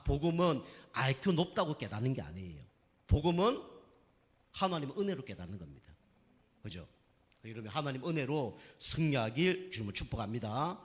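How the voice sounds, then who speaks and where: A male pastor giving a Sunday sermon in a folksy, storytelling way, often asking the congregation for agreement. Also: medium pitch. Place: church sanctuary. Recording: church hall with long reverb.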